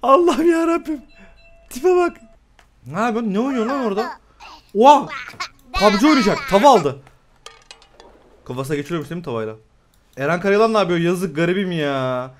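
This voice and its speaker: A young man giving excitable live commentary on a game, swearing often and laughing a lot. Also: high-pitched, brisk, long pauses. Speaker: gameplay streamer.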